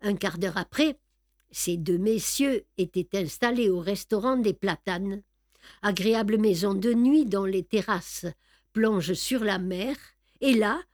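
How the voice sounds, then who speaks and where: A woman narrating a classic novel aloud with measured, expressive storytelling. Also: medium pitch, no echo, studio quality.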